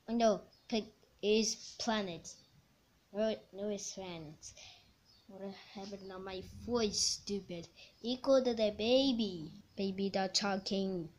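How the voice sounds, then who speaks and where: A woman rambling through an improvised toy play narration, bursting into loud excited shouts. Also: medium pitch. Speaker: toy video maker.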